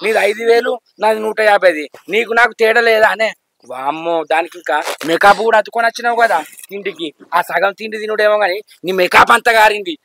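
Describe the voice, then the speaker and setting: A man's voice: high voice, fast talker, bright, forceful tone, slight background noise. A man, grumbling and scolding in a village comedy sketch. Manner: grumbling, scolding, repeats his complaints. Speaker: comic actor.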